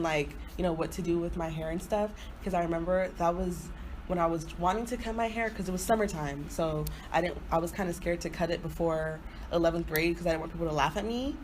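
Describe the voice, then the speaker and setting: Her lowish voice comes through a rough recording with a bit of hiss or hum. She's an early-twenties podcast co-host from Houston, Texas, not raised there from birth, spinning casual stories with slang and constant "like"s.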